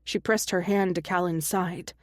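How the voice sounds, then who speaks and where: Audiobook narrator: woman, lowish voice, dead-dry booth sound, romance read. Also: fairly even intonation, moderate pace, no room sound. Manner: reads every character herself, small voice shifts.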